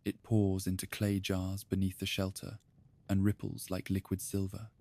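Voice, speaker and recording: A man narrating a bedtime history story in a calm, soft-spoken, even manner, addressing the listener as "you". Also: deep voice, normal speed, no room sound.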